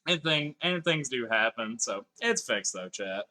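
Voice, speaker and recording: Playing a game live for his viewers, a streamer keeps up a casual chat, reads their comments aloud and drops the odd swear word. His medium-pitched voice is expressive and sharp, with a measured pace.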